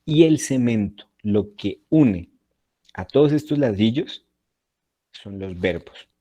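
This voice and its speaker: A man's voice: lowish voice, lively intonation, slow, dark tone, muffled recording. Patient man teaching a class. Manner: explains patiently, repeats points, checks in with "¿sí?". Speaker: Latin teacher. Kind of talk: online class lecture.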